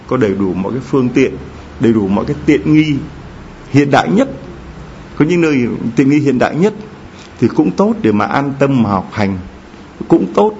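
Storytelling priest in a dull recording. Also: male voice, slight background noise. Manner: storytelling, lively, addresses congregation directly with questions. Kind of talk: sermon. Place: church. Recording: dull low-fi sound with faint ambience.

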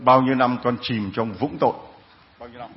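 A man's voice: medium pitch, fairly even intonation, a little fast, highs cut off. A male priest preaching to his congregation in a jovial, teasing way, calling on people in the pews. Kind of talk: sermon.

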